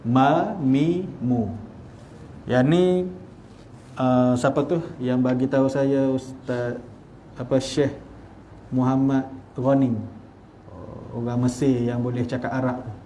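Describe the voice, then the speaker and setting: A man's voice: medium pitch, level tone, a little slow, pauses often, warm tone, a little hiss or hum. A man with a Malaysian Malay accent teaching Quran recitation at an evening lecture in a small prayer hall, drawing out letter sounds as he demonstrates them. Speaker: religious teacher.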